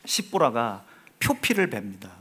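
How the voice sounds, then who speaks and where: A man with a Chungcheong Korean accent preaching a sermon in a church, swinging from hushed asides to loud, emphatic exhortation. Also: mid-range voice, very animated, moderate pace, slightly rough. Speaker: pastor. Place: church sanctuary.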